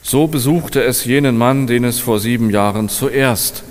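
A man narrating a fairy tale aloud in a slow, measured storytelling manner. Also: medium pitch. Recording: long hall reverb.

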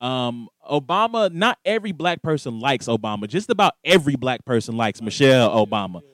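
Hosting a casual sports talk show, a man with a medium-pitched, brisk voice tells energetic stories and acts out the voices of the people he quotes. The recording is clean with no room sound.

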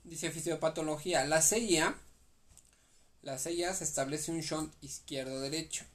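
A man's voice: on the high side, moderate pace, a little hiss or hum. A young man with a Mexican accent, reading medical notes aloud and re-explaining them in casual slang during a study session. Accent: Mexican Spanish. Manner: reads guideline text aloud and re-explains it with slang. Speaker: medical exam study partner.

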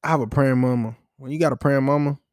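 A man's voice: mid-range voice, fairly even intonation, fast talker, darkish tone, no echo, studio quality. A young man, a college football player, talking casually and with feeling in an interview, often saying "bro". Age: young adult. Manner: heartfelt, repetitive, says "bro" often.

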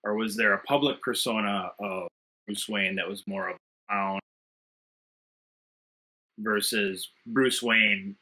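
A man's voice: lowish voice, sharp tone, breathy edge, rough recording. A man on a remote call with a connection that breaks up, making a thoughtful case in a casual panel discussion and building his points through questions. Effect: remote call audio, connection breaking up. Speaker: podcast panelist. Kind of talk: casual pop-culture discussion.

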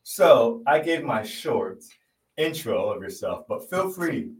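A man hosting a sit-down interview podcast, affirming his guest in an unhurried way. His words come slowly and evenly. The recording is echoey, and he sounds set back from the mic. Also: medium pitch, very animated. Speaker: podcast host. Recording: roomy echo from a distant mic.

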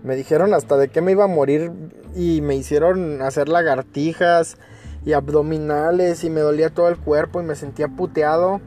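A man's voice: fairly high pitch, steady tone, moderate pace, warm tone, soft background music. A man with a Mexican accent, hosting a podcast and telling a personal story in a casual, crude, emphatic way, full of fillers and stumbles. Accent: Mexican Spanish. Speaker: podcast host.

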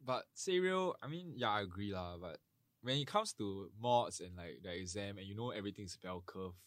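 A young Singaporean man speaks casual Singlish in a slightly low voice. He comes across as a student in a relaxed group discussion, recorded dry. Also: brisk, no echo. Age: young adult. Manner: Singlish with local particles. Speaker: university student on a podcast.

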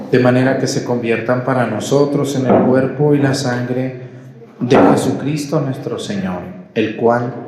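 Priest intoning in a cathedral echo. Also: male voice, medium pitch, darkish tone. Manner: solemn, measured intoning. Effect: echo of a large church. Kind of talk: liturgical prayer recitation at Mass. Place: large church. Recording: echoey church sound from a room mic.

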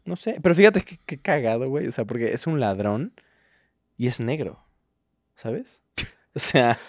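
A man's voice: medium pitch, lively intonation, unhurried, no echo, clean studio sound. A young adult man with a Mexican accent, co-hosting a casual podcast chat, rambling and jokey. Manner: rambling, jokey, mock-defensive. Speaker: podcast co-host.

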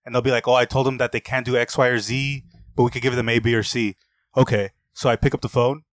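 A man's voice: mid-range voice, flat delivery, dry recording. A man co-hosting a podcast in casual chat, blunt and profane as he tells work stories. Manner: blunt, profane, rapid storytelling. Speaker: podcast co-host.

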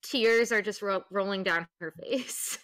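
A woman with a bright, sharp voice playing a tabletop game. She talks slowly and hesitantly, pausing often with ums as she describes her character. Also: medium pitch, clean tone. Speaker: player. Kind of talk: casual tabletop game play.

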